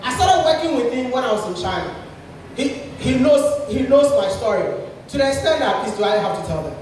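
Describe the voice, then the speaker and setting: A man giving a lively motivational talk to an audience, animated, repeating himself and laughing often. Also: extremely high pitch, brisk, slight background noise. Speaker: speaker at a creators' session. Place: indoor event room with audience. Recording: echoey event hall, from far off.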